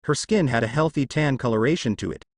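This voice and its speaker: Expressive male fan-fiction narrator. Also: medium pitch, quick pace, no room sound, clean studio sound. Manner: descriptive, storytelling. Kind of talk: reading fan fiction aloud.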